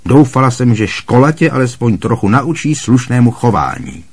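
A man reading aloud, voicing a bossy, loud middle-aged aunt who barks harsh scolding at a boy. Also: big pitch swings, breathy edge. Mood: scornful. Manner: booming, barking and harshly scolding.

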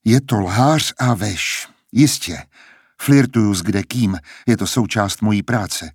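A man's voice: lowish voice, breathy edge, dry recording, studio quality. A man voicing a defiant, blunt young woman in an audiobook reading. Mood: bitter. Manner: firm, blunt. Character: defiant young woman singer, sharp-tongued.

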